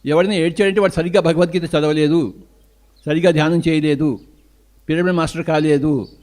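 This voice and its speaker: A man's voice: fairly high pitch, fairly even intonation, a little fast, a little mellow. An older man with a Telugu accent giving an emphatic spiritual discourse as a meditation teacher, asking questions and answering them himself.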